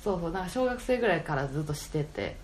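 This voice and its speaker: A woman's voice: fairly low pitch, sing-song, racing, darkish tone. A young woman with an Osaka Kansai accent chatting casually as a podcast co-host. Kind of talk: casual chat.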